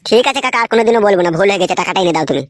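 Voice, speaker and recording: A woman playing a rough young village husband in a comic skit, swearing and talking crudely. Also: mid-range voice, animated, racing, dry recording, studio quality, close to an everyday voice. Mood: wheedling.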